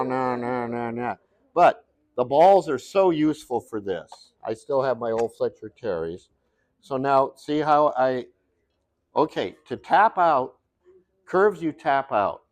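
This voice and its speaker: A man leads a hands-on glass-cutting demonstration in a studio workshop, talking in a loose, folksy way and thinking out loud as he works. His voice sits at an ordinary pitch for a man. The sound is dry and close, with little room echo. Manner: folksy, rambling, thinks aloud while working.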